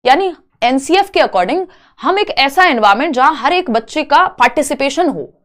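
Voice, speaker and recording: A woman's voice: high voice, expressive, moderate pace, a bit bright. A woman teaching an online exam-prep lesson, explaining each option step by step with rhetorical questions and English terms mixed in. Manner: mixes English terms into Hindi.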